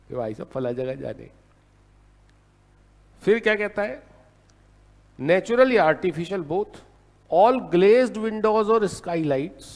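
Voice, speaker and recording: A man teaching a law lecture in a lively storytelling way, often checking in with his class. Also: on the high side, long reverb tail. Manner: lively storytelling, keeps asking "है ना?".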